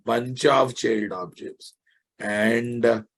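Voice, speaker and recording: A man with a Telugu Indian accent and a husky, gravelly voice, lecturing informally and bluntly, repeating phrases for emphasis. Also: mid-range voice, steady tone, very slow. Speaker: software programming teacher. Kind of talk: informal live online lecture.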